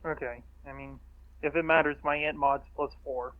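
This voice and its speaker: A man's voice: a little high, fairly even intonation, normal speed, crowd noise. A man chatting casually as a player in a tabletop game. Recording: slightly dull lo-fi mic.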